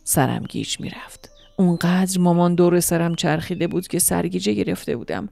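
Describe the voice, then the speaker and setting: A woman narrating a first-person story in a soft, emotional, intimate way. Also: lowish voice, vocal fry, no room sound. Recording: dry studio voice-over with soft music.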